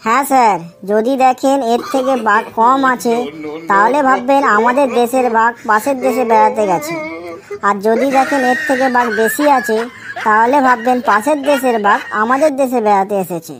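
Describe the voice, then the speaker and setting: A woman plays a cheeky, silly schoolboy in Bengali comedy cartoon dialogue, answering with cheeky earnestness and silliness. She speaks at normal speed in a slightly high voice that stays close to her everyday sound.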